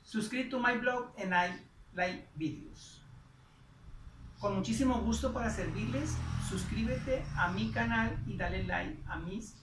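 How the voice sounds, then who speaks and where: A woman teaching English grammar in Spanish, patiently repeating and slowing down her example sentences. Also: mid-range voice, background noise. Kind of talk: explaining English grammar on a whiteboard. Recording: echoey room, voice from a distance.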